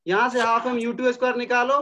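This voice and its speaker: A man's voice: very high-pitched, completely flat delivery, a little slow, pushed and bright, a little hiss or hum. A man teaching a casual chemistry class, talking students through problems and repeating numbers as he works. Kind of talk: informal chemistry lecture. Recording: dull lo-fi audio.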